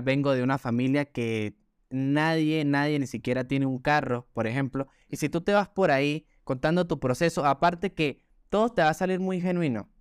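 A man's voice: medium pitch, clean tone, no room sound, clean studio sound. A man from Venezuela with an Andean gocho accent, co-hosting a casual podcast chat in an earnest, explanatory way with many restarts. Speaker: podcast co-host.

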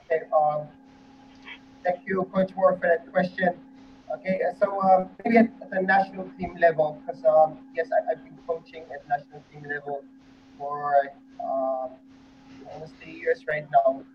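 A man from the Netherlands, a football coach, answering questions in an online panel with many pauses and fillers. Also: on the high side, level tone, muffled recording, slight background noise.

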